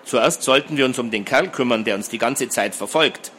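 A man reading a fantasy story and voicing a thoughtful teenage boy who talks in a measured, quiet way. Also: medium pitch, slight background noise, lightly acted.

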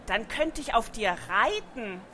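A woman's voice: on the high side, sing-song, a little slow, bright, forceful tone, slight background noise, full character voice. A woman voicing a spirited little girl who chats proudly with a hint of defiance, in a children's audiobook. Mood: chatty.

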